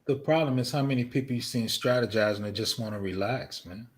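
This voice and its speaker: A man's voice: medium pitch, brisk. A man in his fifties hosting a casual tech chat, laughing often as he talks. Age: 50s. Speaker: host.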